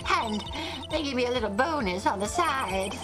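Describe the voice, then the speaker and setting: A woman plays a gossipy old woman on the witness stand, pushy and full of herself. The voice is strained and scratchy, pitched high with big sing-song swoops. Game music plays underneath. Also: lively intonation, moderate pace, close to an everyday voice. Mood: chatty. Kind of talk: reading a visual novel aloud.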